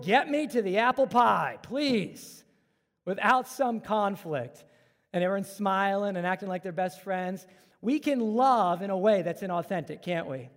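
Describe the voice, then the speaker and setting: A man in his thirties gives a sermon in a relaxed, chatty way, slipping into quick voices of coworkers and strangers to land his points. His voice sits high. A long hall reverb trails behind him. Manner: conversational, acts out everyday dialogue. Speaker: pastor.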